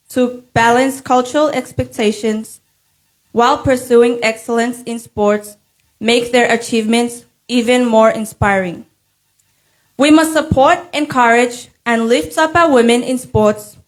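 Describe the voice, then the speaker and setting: A young woman delivers a prepared, formal speech as a pageant contestant. Her voice sits fairly high. She speaks earnestly, with measured, rhetorical phrasing. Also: rough recording. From Nauru. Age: young adult.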